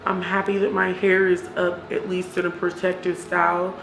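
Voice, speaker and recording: A woman's voice: on the low side, completely flat delivery, normal speed, vocal fry. A woman vlogger chatting casually and confessionally, candid and reflective, talking herself into encouragement. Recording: roomy echo with music behind.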